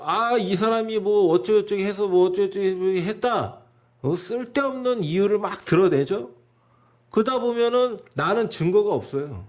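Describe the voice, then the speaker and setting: A man giving a driving lesson, talking in an animated way and asking the listener rhetorical questions. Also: high voice. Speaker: driving instructor.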